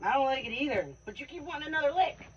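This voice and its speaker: A woman's voice: sits high, expressive, very fast. A woman chatting casually in slangy exclamations as she eats sour candy. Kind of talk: casual chat while tasting sour candy. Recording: noisy, muffled, distant home recording.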